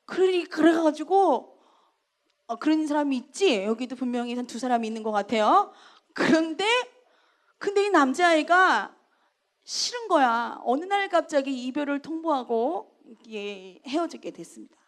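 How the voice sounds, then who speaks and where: A woman evangelist telling a story in a sermon, acting out scolding lines in loud, lively bursts. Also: high voice, normal speed. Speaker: evangelist preaching.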